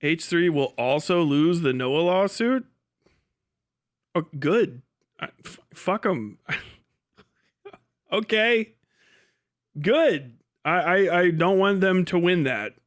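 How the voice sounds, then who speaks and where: With a high, fairly bright voice, this livestream host rambles casually and bluntly, swearing a lot and muttering asides to himself and his chat.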